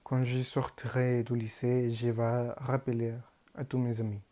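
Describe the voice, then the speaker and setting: A teenage boy from Mexico, a native Spanish speaker with a Mexican Spanish accent, reading a prepared class presentation in a careful, halting learner's way. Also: mid-range voice, level tone, dark tone. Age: teens. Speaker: high school student.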